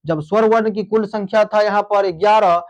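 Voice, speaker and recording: A man's voice: high-pitched, steady tone, normal speed, dull audio. A man teaches a grammar lesson. He drills exam points, repeating key phrases again and again, and keeps calling his students dear friends.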